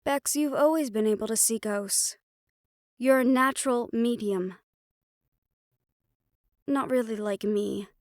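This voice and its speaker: In a dry, studio-quality recording, a woman with a fairly high voice speaks slowly, leaving long pauses. She plays a protective, knowledgeable occult investigator in an audio drama, explaining matters in a thoughtful way that is reassuring yet firm.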